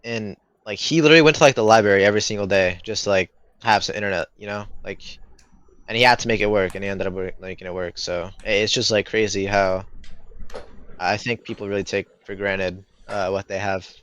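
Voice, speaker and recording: Smooth-voiced teenage guy from Turkey. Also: fairly low pitch, a little fast. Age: teens. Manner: relaxed, hedging, lots of like and you know. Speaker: podcast co-host. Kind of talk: casual podcast chat.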